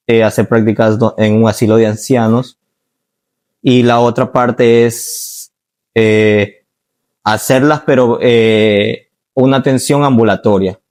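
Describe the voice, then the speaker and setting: A man in his thirties from Ecuador, a nurse, answering interview questions in a calm, measured way and often ending with "¿no?". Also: mid-range voice. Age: 30s. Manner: calm, measured, frequent "¿no?" tags.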